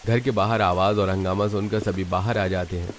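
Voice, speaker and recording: Low-voiced man narrating a cartoon story. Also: fairly even intonation, normal speed.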